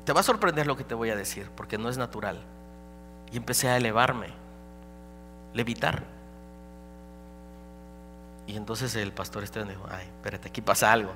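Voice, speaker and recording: A man preaching a dramatic personal testimony as a pastor, swinging between loud and hushed. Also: medium pitch, lively intonation, normal speed, pauses often, faint music behind. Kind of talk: sermon testimony. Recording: live hall recording with reverb and hum.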